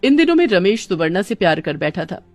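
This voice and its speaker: A woman's voice: medium pitch, sing-song, fast talker, no room sound. A woman narrating a dramatic family story and voicing its characters.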